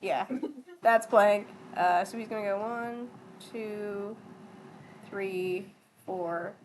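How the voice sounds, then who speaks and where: A woman running a tabletop game, talking casually and breaking into laughter often. Her pitch sits in a middle range for a woman. A faint noise hums under her voice. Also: fairly even intonation, drawn-out words, poor audio. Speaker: game master.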